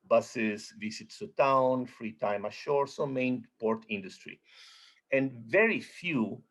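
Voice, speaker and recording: A man's voice: fairly low pitch, highs cut off. A man from Chile speaking as a guest on a video-call webinar panel, often repeating words as he searches for what to say. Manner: halting, repeats words while searching for phrasing. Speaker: panel guest, expedition cruise guide.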